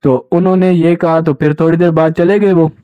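A man's voice: fairly high pitch, level tone, a little fast, smooth, dry recording. Indignant young man, dull lo-fi. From Pakistan. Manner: indignant, keeps asking "right?" as he recounts. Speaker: jobs channel host. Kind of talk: casual first-person account to camera. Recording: dull lo-fi recording.

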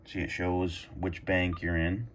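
Low-pitched and flat, a little slow, a man improvises a casual how-to on a radio scanner at home in a carpeted room. He sounds hesitant, thinking aloud as he pushes buttons, with a little hiss or hum in the recording.

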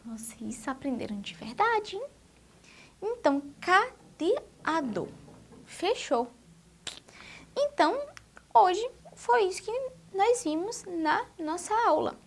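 A woman teaching young children a literacy lesson, drawing out words in a slow, sing-song way. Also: very high-pitched, big pitch swings, gravelly, slight background noise. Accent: Brazilian Portuguese.

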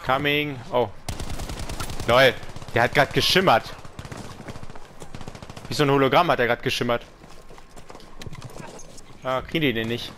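A man's voice: mid-range voice, fairly even intonation, measured pace, pauses often, pushed and bright. A man giving casual, slangy gameplay commentary, reacting in short exclamations. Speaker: gaming video maker. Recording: game gunfire and noise behind. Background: video game gunfire and vehicles.

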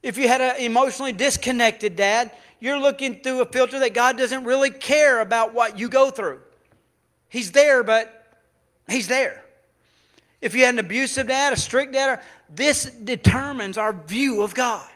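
A pastor, preaching a sermon in a church and telling a story, moving between loud preaching and hushed confession. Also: male voice, very high-pitched, moderate pace.

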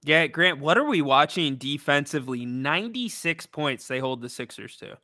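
A young man co-hosting a postgame basketball talk show from a small studio, upbeat and quick to ask questions. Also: fairly high pitch, animated, pushed and bright, dry recording. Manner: upbeat, asks questions, agrees readily. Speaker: co-host.

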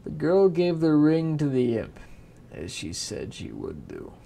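Gravelly young man reading a bedtime story. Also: fairly high pitch, huge pitch swings, unhurried, dark tone. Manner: unpolished, breaks off to swear and laugh at himself.

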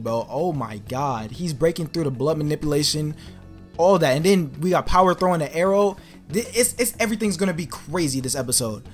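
A young man giving casual, excited commentary as he reacts to an anime preview, slangy and exclamatory, thinking aloud. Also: on the high side. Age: young adult. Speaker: reaction video creator. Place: small bedroom, indoors.

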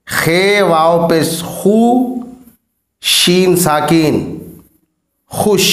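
A man teaching Urdu reading, spelling words out letter by letter in a slow, drawn-out manner. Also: on the high side, reverberant.

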